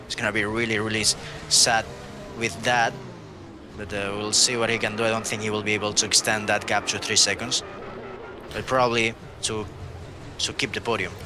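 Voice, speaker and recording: A man co-commentating a sim racing league race, measured and analytical. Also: lowish voice, little pitch movement, music in the background.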